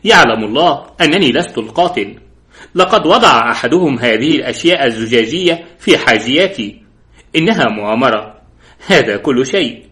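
A man's voice: medium pitch, lively intonation, brisk, pushed and bright. A man voicing a distressed male suspect who pleads his innocence while crying. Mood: pleading.

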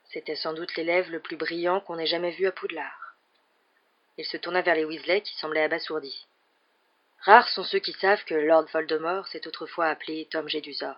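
A measured, expressive audiobook narrator reading a novel chapter. The voice sits in a middle register, and the recording is dull and lo-fi. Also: mid-range voice.

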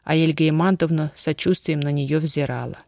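A woman reading a children's detective story aloud as narrator, in an even, measured way. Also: low voice, gravelly, dry recording, studio quality. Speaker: audiobook narrator. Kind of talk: scripted narration.

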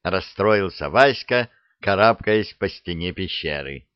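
Male fairy-tale narrator, expressive and animated, low-pitched. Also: takes it slowly, smooth, no echo. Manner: expressive storytelling. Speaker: audiobook narrator. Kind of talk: fairy-tale audiobook reading. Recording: dull dry recording.

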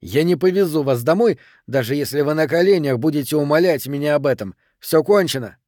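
A man voicing a pushy, hot-tempered young man who blusters and shouts. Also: fairly high pitch, expressive, fairly quick, no room sound, studio quality. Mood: furious.

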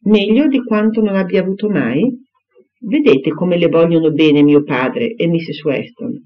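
A man voicing a charming, eager young gentleman in an audiobook reading, speaking earnestly and effusively. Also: sits high, measured pace, highs cut off.

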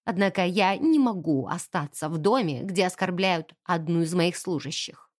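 A woman's voice: fairly low pitch, moderate pace, no room sound, clean studio sound, voice pushed down, lightly acted. A woman voicing a haughty, stern old aristocratic lady who speaks coldly and imperiously, in an audiobook. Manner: cold, clipped, imperious.

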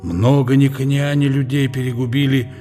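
Against background music, an actor in a radio play delivers the inner monologue of an aging, sick scholar reflecting proudly and bitterly on his country. The voice is husky, warm, and medium-pitched, flat and lightly acted. He muses solemnly, in a deliberate, weighty, philosophical way.

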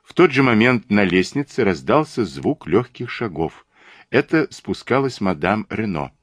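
A man narrating a detective novel in the first person, telling the story in a steady, expressive way. His voice is very deep, and his intonation rises and falls with real life. The recording is dry and close to the mic. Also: no echo. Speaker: audiobook narrator.

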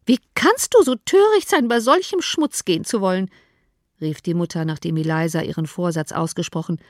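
A woman reading an audiobook, voicing a fussy, excitable middle-aged mother who talks shrilly and insistently. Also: deep voice, quick pace, no echo, studio quality, pitched below the performer's own voice. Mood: scolding.

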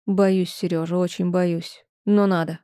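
A woman voicing a tired, frightened teenage girl who brushes off a boy softly. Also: lowish voice, little pitch movement, a little slow, no room sound, studio quality, close to an everyday voice. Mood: weary.

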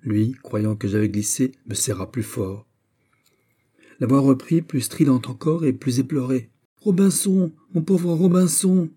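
A man reads a classic novel aloud audiobook-style, his voice deep, very dark and mellow with a husky grain. His delivery is expressive and a little slow, and he gets louder on exclamations.

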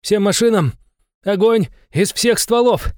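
A man voicing a fierce female baroness warrior, shouting battle orders. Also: high voice, unhurried, dry recording, studio quality, voice pushed up. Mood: furious shouting.

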